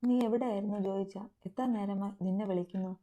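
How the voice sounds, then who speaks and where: A woman's voice: medium pitch, steady tone, brisk, mellow, lightly acted. A woman voicing a worried father who scolds his son impatiently. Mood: reproachful.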